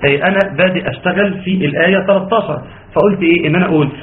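A man with an Egyptian Arabic accent who teaches Quran recitation in an online class. He stretches out his fillers and slowly demonstrates each sound. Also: high voice, slight background noise. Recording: tinny phone-like line, faint ambience.

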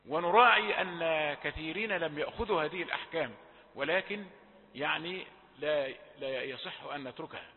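A man with an Egyptian accent teaching recitation rules, moving between formal and colloquial speech and drawing out example words slowly. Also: a little high. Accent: Egyptian Arabic. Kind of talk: tajweed lesson. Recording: tinny phone-like audio, long reverb.

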